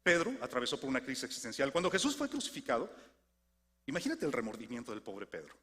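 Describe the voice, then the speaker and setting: A man with a Mexican Spanish accent preaching a sermon, swinging from lively questions to soft, low emphasis. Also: fast. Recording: long hall reverb.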